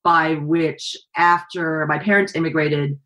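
A woman in her forties from the San Francisco Bay Area, an author and journalist answering interview questions in a thoughtful, steady way with frequent pauses, heard over a video call from her living room. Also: low voice. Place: home living room, indoors. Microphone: video call webcam.

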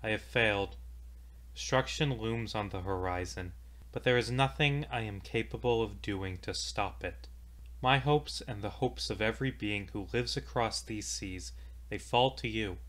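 A man voicing an unseen, despairing presence that speaks in a soft, grave hush to heroes adrift in a void. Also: lowish voice, normal speed, lightly acted.

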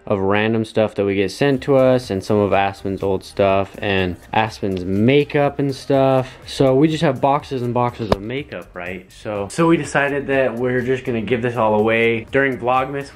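A man's voice: lowish voice, moderate pace, few pauses. A young man in his twenties vlogging casually, with a laid-back, matter-of-fact way of talking into a handheld camera. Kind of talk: casual vlog.

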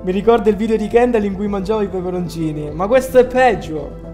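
A young man chatting casually and excitably to his livestream viewers from a small room. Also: sits high, fast talker, soft background music. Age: young adult.

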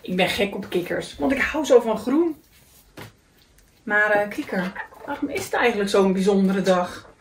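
A woman's voice: medium pitch, animated, normal speed, reverberant, distant mic, slight background noise. A woman reading a children's picture book aloud, telling the story expressively and voicing the characters.

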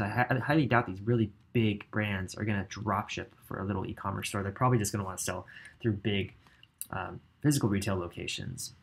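Gravelly-voiced man thinking aloud, low-pitched. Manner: thinking aloud while browsing, many ums. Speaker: ecommerce coach. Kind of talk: casual screen-share tutorial. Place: indoor home office.

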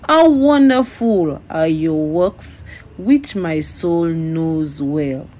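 A woman's voice: deep voice, expressive, very slow, a little mellow. A woman reading a psalm aloud as a liturgical scripture reader.

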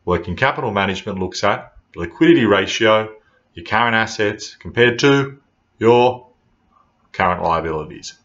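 A man's voice: on the low side, expressive, moderate pace, fairly bright tone. A man in his thirties giving an informal lesson to camera as a teacher, blunt and colloquial, repeating points for emphasis. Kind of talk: informal classroom lecture to camera. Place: small indoor room at home or office. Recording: slightly dull webcam audio.

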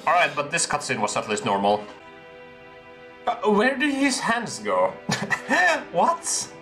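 A young adult gaming streamer casually commentates a horror game as a let's-play, breaking into high, surprised laughs. His bright, forceful voice moves slowly with huge pitch swings. He sits at a desk with a gaming chair, with game music and keyboard typing audible in the background.

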